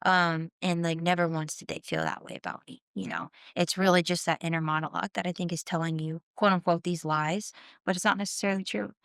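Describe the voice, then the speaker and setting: A woman in her twenties from Southern California, a musician guesting on a casual podcast interview, speaks earnestly and reflectively, often trailing off and starting over. Her low-ish voice is brisk, creaky, and a bit bright with fairly even intonation, recorded cleanly in a studio with no echo.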